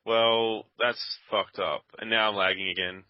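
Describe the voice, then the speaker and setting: A man's voice: fairly low pitch, fairly even intonation, a little slow, no room sound. A man rambling and grumbling sarcastically to his co-host while they play a game at his computer. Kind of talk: casual gaming chat. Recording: dull lo-fi dry sound.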